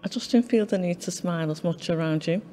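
A woman's voice: on the low side, fast talker, warm tone, in a large hall, close to an everyday voice. A woman playing a dry, sarcastic teacher. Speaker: actor in a scene. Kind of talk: scripted drama scene.

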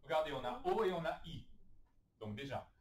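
A man's voice: fairly high pitch, big pitch swings, distant mic. Encouraging male literacy teacher, echoey room. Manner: encouraging, sounds words out slowly. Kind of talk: classroom phonics lesson. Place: classroom with adult learners. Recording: echoey room, recorded from afar.

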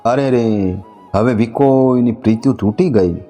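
A man's voice: mid-range voice, a little slow, warm tone, faint music behind, natural voice. A man voicing a jealous husband who turns remorseful and laments in a folk tale.

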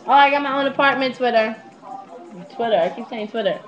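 Her voice is fairly high and a little quick as she chats to the webcam about her own life. The vlogger, a woman in her twenties, is candid and slangy and swears without holding back, recording from a small room in her home. Sound comes through a netbook's built-in mic, dull and lo-fi.

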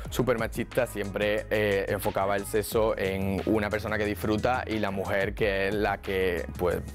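A man in his twenties from Spain with a Spanish accent, speaking matter-of-factly in a studio interview. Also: fairly low pitch. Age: 20s. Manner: quick, flat, matter-of-fact. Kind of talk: to-camera interview. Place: studio with blue backdrop. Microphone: lapel. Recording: loud guitar music under the voice. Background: guitar music.

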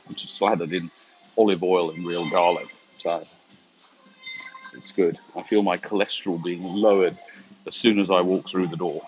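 A man's voice: deep voice, steady tone, moderate pace. A middle-aged man giving a casual, wry, offhand tour to camera. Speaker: vlogger giving a restaurant tour. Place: quiet restaurant interior with large windows. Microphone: phone at arm's length. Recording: dull, lo-fi phone audio.

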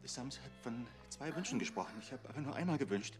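A middle-aged actor playing a mild, anxious father figure in a film comedy, fretful and excitable. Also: mid-range voice, fast, soft background music, lightly acted. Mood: alarmed. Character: anxious, mild-mannered bachelor, adoptive father of a magical creature.

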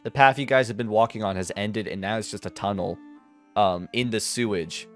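Low-voiced man running a tabletop game. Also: soft background music. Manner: halting, with many ums and uhs. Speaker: game master. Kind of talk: narrating a tabletop game over voice chat.

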